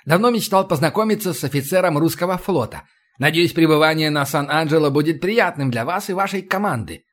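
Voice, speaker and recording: A man voicing a short, fat, jolly male company manager who talks loudly and effusively in an audiobook. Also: fairly high pitch, expressive, brisk, pitched above the performer's own voice. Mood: jovial. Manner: loud, laughing, effusive.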